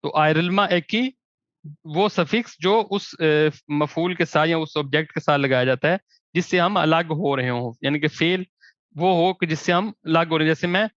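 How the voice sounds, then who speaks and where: A man teaching grammar as a language teacher, giving examples in slow, drawn-out words between quicker explanation. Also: fairly high pitch, a bit bright, no room sound. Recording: dry, dull lo-fi recording.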